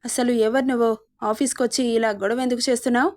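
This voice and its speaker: Gruff office guards demand answers and scold an intruder, voiced by a female storyteller. The delivery is slightly high and flat. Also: fast, natural voice.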